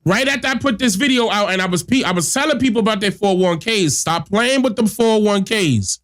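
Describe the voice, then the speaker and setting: Man host with a high voice and a blocked-up nose, chatting loosely over video clips. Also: a little fast, fairly bright tone. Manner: talkative, interjecting, addresses viewers as y'all. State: stuffy nose from a cold. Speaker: podcast host. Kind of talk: casual commentary over clips.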